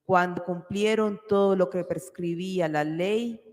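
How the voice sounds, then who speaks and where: A woman reads prayers aloud in a fairly low, steady voice. Her formal reading rings through a large church in a long cathedral echo. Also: measured pace. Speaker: lay reader.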